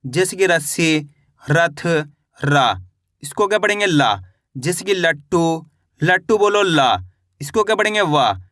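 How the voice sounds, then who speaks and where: A man teaching beginners to read the Hindi alphabet in a high, bright, forceful voice. He works through the letters one sound at a time, patiently slowing on example words and often asking if it is clear. The sound is close and dry. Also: dry recording. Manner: patient, drills sounds one by one and checks understanding.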